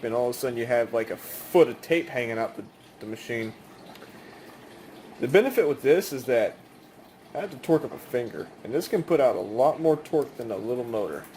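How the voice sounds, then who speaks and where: A man who makes videos gives a casual, rambling, hands-on demonstration of cassette tapes, speaking conversationally. His mid-range voice is a little mellow, with slight background noise.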